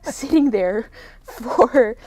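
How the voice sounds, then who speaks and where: A woman's voice: a little high, animated, extremely slow, a little mellow. A young adult woman co-hosting a podcast, chatting casually about a film and filling her talk with "like". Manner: chatty, lots of "like" fillers. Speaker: podcast co-host reviewing a film. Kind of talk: casual chat.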